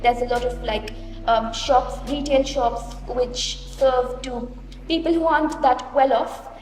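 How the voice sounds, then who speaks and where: A woman's voice: high-pitched, fairly even intonation, slow, a little mellow, a little hiss or hum. A young woman answering interview questions in a hesitant, observational way. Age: young adult. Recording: distant mic in echoey hall.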